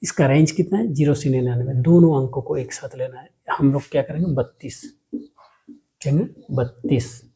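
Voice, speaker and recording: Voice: mid-range voice, fast, gravelly, few pauses, dark tone, poor audio. A maths teacher explaining a lesson step by step. The teacher asks questions and answers them, repeats words often, and mixes English words into the explanation.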